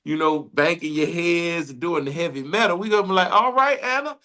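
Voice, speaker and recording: Sharp-toned and fairly high, this Detroit man speaks fairly quickly while hosting a casual radio interview. He's enthusiastic and rambling and laughs a lot.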